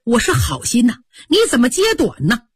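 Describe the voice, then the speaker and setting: A woman's voice: a little high, wildly swooping pitch, moderate pace, slightly rough, no room sound, clean studio sound, heavily acted. A woman voicing a patient young senior maid who speaks in a placating, reasoning way.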